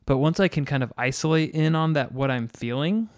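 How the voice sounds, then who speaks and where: Young male co-host, earnest and reflective, mid pitch, dry close mic. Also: a little fast, darkish tone, no echo. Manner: earnest, reflective advice-giver. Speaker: podcast co-host. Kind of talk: casual conversation.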